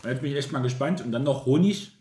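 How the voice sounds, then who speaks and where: A man's voice: medium pitch, fast talker, darkish tone. A man, chatting casually as co-host of a tasting video. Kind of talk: casual chat. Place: domestic room indoors. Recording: roomy echo, clear background noise.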